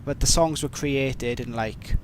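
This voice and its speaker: In an unhurried, medium-pitched voice, a heavily accented Welsh streamer reads and responds to viewer questions, chatting in a rambling, self-mocking manner with plenty of fillers. The background is noisy.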